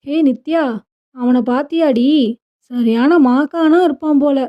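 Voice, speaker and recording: A woman's voice: high-pitched, a little slow. A woman storyteller voicing a young female friend who teases playfully. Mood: teasing. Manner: mocking and playful. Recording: dull lo-fi recording.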